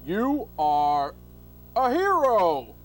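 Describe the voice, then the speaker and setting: A man's voice: high voice, huge pitch swings, very slow, exaggerated voice, poor audio. A man playing an earnest, official police detective with a formal, dramatic manner in a comedy audio drama. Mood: admiring, dramatic.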